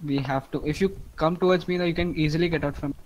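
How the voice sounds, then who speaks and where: A man's voice: on the high side, steady tone, fast, highs cut off. A young man with an Indian accent in casual chat as a squad player, heard over game voice chat. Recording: noisy game voice chat with clicks.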